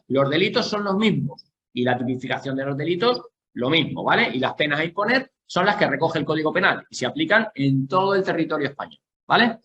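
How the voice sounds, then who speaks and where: A man's voice: on the high side, bright, forceful tone. A man from Castilla-La Mancha, giving an exam-prep lecture and checking in with the class as he explains. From Castilla-La Mancha, Spain. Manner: explanatory, keeps checking in with the class, slows to stress key points. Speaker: teacher.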